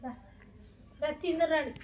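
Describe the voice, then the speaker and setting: A woman's voice: high-pitched, steady tone, measured pace, very noisy. A woman, a mother, talking casually with her young daughter at home, coaxing and scolding. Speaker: mother and vlogger.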